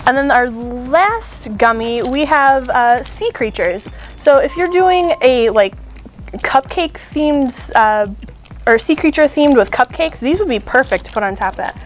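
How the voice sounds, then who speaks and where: A woman's voice: high voice, lively intonation, a little slow. A woman in her thirties hosting a casual candy shop chat, upbeat and chatty with fillers and small laughs.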